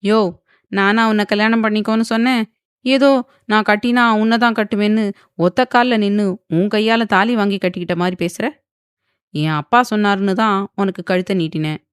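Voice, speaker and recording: A woman voicing a sharp-tongued young wife who argues back at her husband in a teasing, quarrelsome way. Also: medium pitch, fairly even intonation, normal speed, clear, resonant tone, no echo, studio quality, lightly acted. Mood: sulky, retorting.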